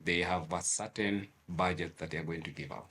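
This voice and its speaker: A man's voice: deep voice, steady tone, a little fast, pushed and bright. A man from Nairobi with a Kenyan accent, a guest talking in a casual, reflective way and mixing in Swahili slang. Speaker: guest entrepreneur. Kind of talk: casual interview talk.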